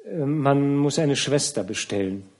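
Man voicing a grieving young woman, hushed, quiet, weary. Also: mid-range voice, lively intonation, a little slow, voice pushed up. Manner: quiet, subdued.

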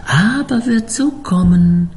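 A man voicing an old ship's cook who speaks slowly and eerily, like a prophet, in a storybook reading. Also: high voice, expressive, darkish tone, voice pushed up, heavily acted. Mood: eerie prophetic. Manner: slow, drawn-out, faraway prophetic tone.

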